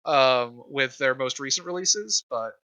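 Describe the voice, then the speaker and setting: A man's voice: mid-range voice, measured pace, sharp tone, low-quality recording. A man co-hosting a casual podcast, giving opinions in a wry, argumentative way. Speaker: podcast co-host.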